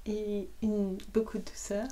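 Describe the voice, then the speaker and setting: A woman who reads books aloud, winding down a session with a casual, rambling chat. Her voice sits at a middle pitch, soft and musing, and now and then it drops to a whisper. She sounds relaxed, at home. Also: unhurried, slight background noise. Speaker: audiobook reader.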